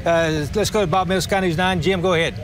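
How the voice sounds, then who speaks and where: A man's voice: high-pitched, fairly even intonation, fast talker. A man anchoring live emergency weather coverage, giving directions and repeating phrases as he thinks aloud. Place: TV studio.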